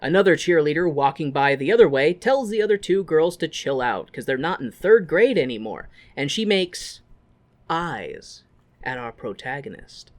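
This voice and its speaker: An American man co-hosting a podcast recaps a film casually, swearing freely and adding wry asides. His voice is on the high side and animated, at a moderate pace.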